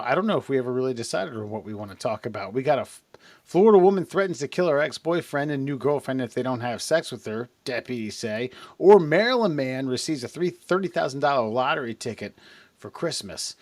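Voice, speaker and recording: A man co-hosting a comedy podcast, introducing topics in a wry, meandering way. He often breaks off and restarts his sentences. His voice sits in an even middle range, dry and close to the mic. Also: mid-range voice, fairly quick, no echo. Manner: rambling, trailing restarts, wry. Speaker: podcast co-host. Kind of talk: casual comedic chat.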